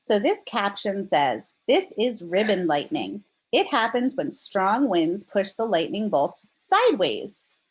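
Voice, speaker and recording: Her voice sits in the mid range but swings widely in pitch as this teacher reads aloud to young children, explaining simply and reading with deliberate expression.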